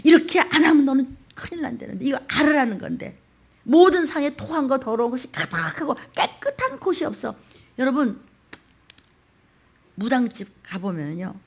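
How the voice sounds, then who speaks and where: A woman pastor delivers a sermon in a fairly high voice, talking in a plain colloquial way. She acts out the voices she quotes and peppers the sermon with rhetorical questions. Her delivery swings from loud outbursts to hushed whispers. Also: very animated, normal speed, breathy edge.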